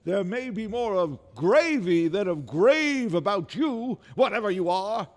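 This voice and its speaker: An actor playing Ebenezer Scrooge, a crotchety, frightened, stubbornly skeptical old miser, with a raspy, quavering, stammering delivery in an old-time radio drama style. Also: male voice, high-pitched, lively intonation, measured pace. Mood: scornful. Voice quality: gravelly, raspy. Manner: quavering, stammering, theatrical exclamations. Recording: long hall-like reverb.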